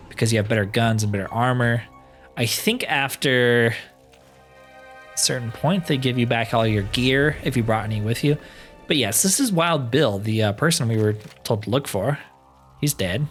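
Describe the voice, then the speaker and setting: A slightly hoarse man giving casual, chatty gameplay commentary with wry asides. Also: medium pitch, fairly bright tone. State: slightly hoarse, losing his voice. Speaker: let's player.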